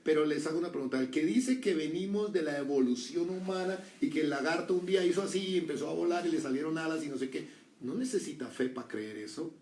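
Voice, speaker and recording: A man's voice: a little high, quick pace, darkish tone. A middle-aged man preaching a sermon in a casual, conversational way, full of rhetorical questions and little acted-out quotes. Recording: echoey room, voice from a distance.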